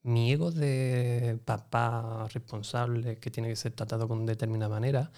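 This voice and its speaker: Guy from telling his story, earnest and lively, mellow warm voice. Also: mid-range voice, moderate pace. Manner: earnest, lively, acts out dialogue. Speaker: interview guest. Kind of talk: animated personal storytelling.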